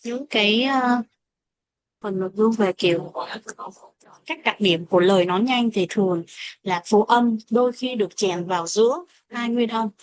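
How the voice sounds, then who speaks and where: Woman teacher, Vietnamese accent, classroom pronunciation lesson, slow modeled examples. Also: medium pitch. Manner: switches between explanation and slow modeled English examples. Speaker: English teacher.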